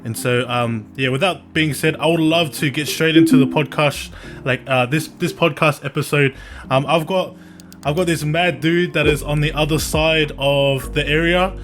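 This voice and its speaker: A man hosting a podcast in casual, earnest, slangy talk, often halting and repeating words. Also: a little high, steady tone, fairly bright tone, faint music behind. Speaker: podcast host. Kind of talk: casual chat.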